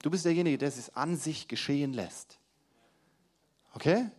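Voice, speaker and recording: A young man preaching a sermon to a congregation in a church hall, lively, with loud emphasis and quiet asides, asking the room questions. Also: fairly high pitch, moderate pace, slightly rough.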